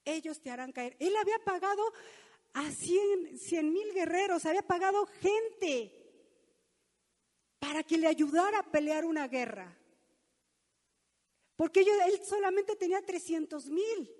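A woman's voice: extremely high pitch, measured pace, pauses often, darkish tone, in a large hall. A middle-aged woman with a Mexican accent, preaching a sermon with emphatic storytelling and asides to the congregation.

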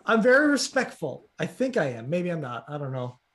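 This is a man with a Newfoundland accent and a high voice. He rattles off his words in a quick, excitable rush and laughs a lot as he chats casually with his interviewer. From Newfoundland, Canada. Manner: fast-talking, excitable, laughs often. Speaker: YouTuber guest.

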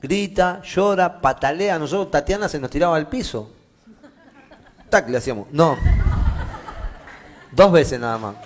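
A middle-aged man with a Rioplatense Spanish accent, preaching a conversational sermon to his congregation with jokes and loud, emphatic peaks. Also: fairly high pitch, lively intonation, measured pace, long pauses, a little hiss or hum. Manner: swings from quiet asides to loud emphatic preaching. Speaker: pastor. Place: church meeting room with a congregation.

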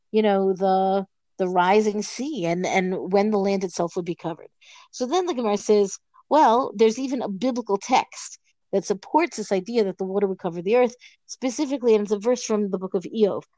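A woman teaching a page of Talmud in a relaxed, conversational way, thinking aloud and often checking in with "right?". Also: medium pitch, no echo. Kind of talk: informal Talmud lesson.

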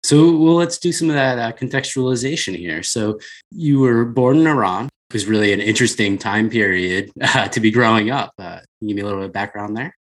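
A man's voice: on the low side, fairly quick. A man interviewing a guest, asking inquisitive, supportive questions. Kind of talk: interview conversation.

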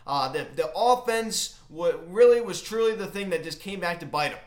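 A man hosting a casual sports recap, talking in a halting, emphatic fan's manner, recorded in an empty closet. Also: high voice, expressive. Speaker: sports recap video host. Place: empty unfurnished closet in a home. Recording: echoey small bare room.

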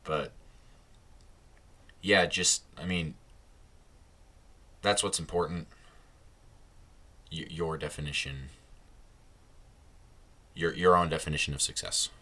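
A young man talks through a casual solo podcast. His voice sits low but has a bright edge. He rambles, restarts his sentences and laughs at his own slips. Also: steady tone, takes it slowly, long pauses. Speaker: podcast host.

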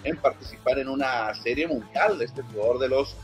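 A man's voice: mid-range voice, moderate pace, faint music behind. A man hosting a casual radio sports show, asking questions and steering the talk. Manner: asks questions and steers the segment.

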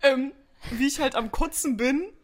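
A young woman co-hosting a casual podcast chat, relaxed and mixing in English words. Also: high voice, a little slow. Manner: relaxed, mixes in English words, laughs along. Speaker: podcast co-host.

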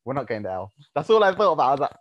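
A man's voice: medium pitch, very animated, very fast. A young man with a London accent and roadman-style urban slang, bantering casually about football as a podcast host. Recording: dull lo-fi audio.

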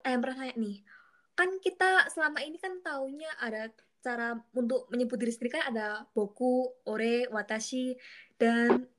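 Woman host, fairly high voice, casual, attentive questions. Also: normal speed. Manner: attentive, short acknowledgements. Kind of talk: casual interview.

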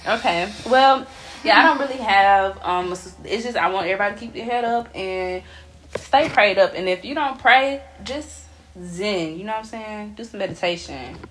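A woman in her twenties co-hosting a podcast, speaking with a slight lisp from braces in relaxed, laughing chat. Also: medium pitch, normal speed, a little hiss or hum. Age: 20s. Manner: laid-back, laughs often. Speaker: podcast co-host. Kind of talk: casual chat.

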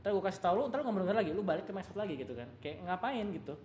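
A man's voice: high-pitched, lively intonation, rapid-fire, a little mellow, echoey room, muffled recording, a little hiss or hum. A man who works as a strength coach, talking bluntly and animatedly in a casual discussion, mixing in English phrases.

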